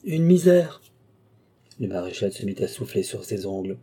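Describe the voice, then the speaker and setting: A man reading a classic novel aloud as an audiobook, in a measured storytelling delivery. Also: sits low, flat delivery, dark tone, husky. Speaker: audiobook reader. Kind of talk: scripted narration of a classic novel.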